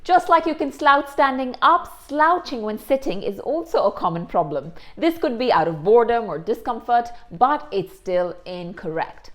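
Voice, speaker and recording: A woman presents a self-improvement lesson. Her fairly high voice rises and falls in a lively way. She explains each step clearly and carefully. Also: moderate pace, hardly any pauses, faint music behind. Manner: clear, careful explanations with occasional Hindi asides. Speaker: host. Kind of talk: instructional presentation.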